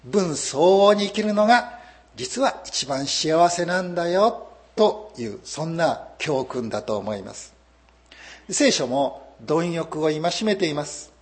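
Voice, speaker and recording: A male pastor giving a sermon in a gentle, conversational storytelling manner. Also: fairly high pitch, lively intonation, slow. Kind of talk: sermon with told folk tale.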